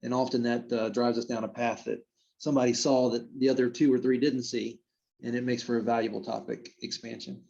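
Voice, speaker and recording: A man with a Southern drawl hosts a casual tech podcast, talking fast and easily. His tone is chatty and a little self-deprecating. The audio is a bit dull and lo-fi. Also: medium pitch, flat delivery, gravelly, warm tone. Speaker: podcast host.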